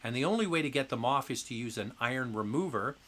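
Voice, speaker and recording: A man's voice: mid-range voice, lively intonation, fast, fairly bright tone. A middle-aged man hosting a live car Q&A stream, chatting casually and rambling with fillers and restarts, with an occasional cough. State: occasional coughing from acid reflux.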